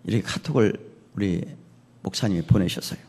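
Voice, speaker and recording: A man pastor preaching an animated sermon that acts out dialogue, in a long-reverb church. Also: low voice, brisk, creaky, slightly rough.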